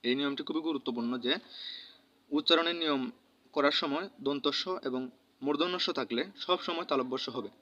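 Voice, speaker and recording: A man with a Bangladeshi Bengali accent teaching a grammar lesson, saying each example word slowly and repeating it. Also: on the high side, pushed and bright. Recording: dull lo-fi recording.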